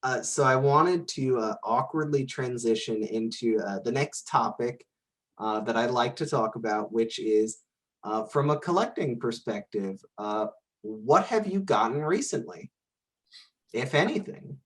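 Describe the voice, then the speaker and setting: A man from Southern California in casual podcast chat, talking hesitantly with many pauses and fillers. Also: mid-range voice, lively intonation. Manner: hesitant, full of "uh" and "like". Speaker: podcast co-host.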